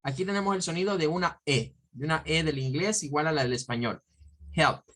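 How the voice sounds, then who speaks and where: Male teacher drilling English words slowly. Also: fairly high pitch, fairly bright tone. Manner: slow, drawn-out model words repeated several times; explanatory, often checking with "¿verdad?". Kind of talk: pronunciation lesson.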